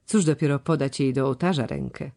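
A man's voice: medium pitch, a little fast, gravelly, dark tone. A reader voicing a modest young man who speaks up earnestly in an audiobook. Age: young adult. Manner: modest, then fervent.

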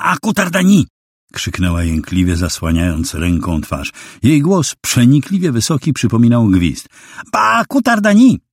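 Male audiobook narrator, very deep and lively, dramatic reading, dry close sound. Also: husky, dry recording.

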